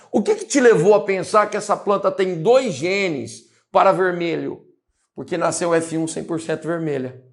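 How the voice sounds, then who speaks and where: A Brazilian man with a fairly high voice works through an exam problem as a biology teacher. He talks in a lively, chatty way, repeating little cues to keep students with him. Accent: Brazilian Portuguese. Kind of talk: exam-solving lesson.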